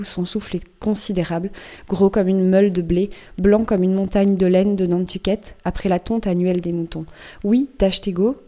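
A raging old sea captain, consumed by vengeance, as a woman reader puts him on. He declaims low and heavy, his voice dark and mellow. Read aloud in storybook style. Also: natural voice.

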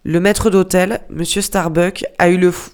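A hot-tempered ship's mate, as an audiobook reader puts him on mocks and scolds with rhetorical questions, one after another. The reading keeps the reader's own mid-pitched voice. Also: fairly even intonation, moderate pace, darkish tone, clear, resonant tone, lightly acted. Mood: sarcastic. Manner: mocking, hammering rhetorical questions. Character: irate, sarcastic male ship's mate scolding a steward.

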